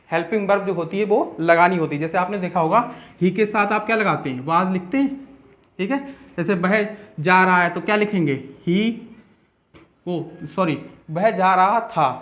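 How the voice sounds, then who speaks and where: A man teaching an English grammar lesson in Hindi, explaining step by step and often checking in with a quick "ठीक है". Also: high voice, fairly bright tone.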